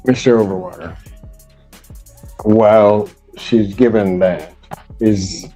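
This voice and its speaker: A man presiding as judge, speaking firmly and deliberately in a courtroom recording. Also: on the low side, warm tone, faint music behind, low-quality recording. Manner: firm, deliberate, procedural. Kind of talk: courtroom proceedings.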